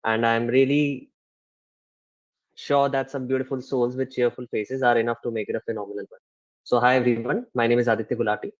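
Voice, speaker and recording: A man's voice: mid-range voice, flat delivery, brisk. Guy, flowery eager intro, muffled call audio. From India. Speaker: debate delegate. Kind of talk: prepared self-introduction. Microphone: video call.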